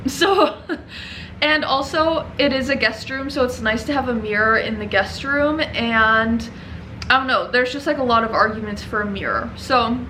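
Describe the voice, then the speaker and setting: A bright, clear young woman talks casually to camera from her print shop, chatty and upbeat and quick to laugh. A faint hum of room noise sits behind her voice. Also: a little high, poor audio. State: out of breath. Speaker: vlogger and small business owner.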